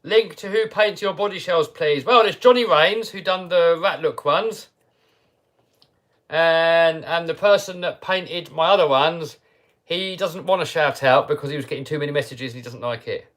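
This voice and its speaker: In this laid-back live chat, the host talks at a normal speed in a slightly high, fairly bright voice. He's chatty and easygoing, laughs a lot and reads questions from the chat aloud.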